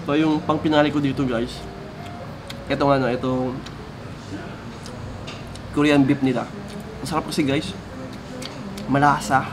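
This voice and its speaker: A man's voice: medium pitch, little pitch movement, moderate pace, long pauses, rough recording. A man casually vlogging about food while chewing with his mouth full. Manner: chatty, addresses viewers as guys. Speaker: mukbang vlogger. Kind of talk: casual food vlog talk. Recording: music playing behind voice.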